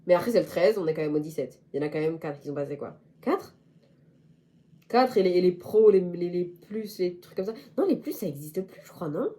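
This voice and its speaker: A woman's voice: lowish voice, expressive, brisk, warm tone. A young woman in casual chat to camera as a vlogger, playful and self-mocking, with slang. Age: young adult.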